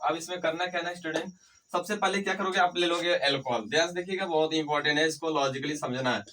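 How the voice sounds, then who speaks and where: A man with a fairly high voice teaches chemistry at a board. He keeps asking his students questions, answers them himself, and repeats the terms so they stick. His tone stays encouraging, and the mic sits a little away from him. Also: fast, sharp tone, far from the mic, slight background noise, poor audio. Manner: encouraging, addresses students fondly. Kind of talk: whiteboard lecture.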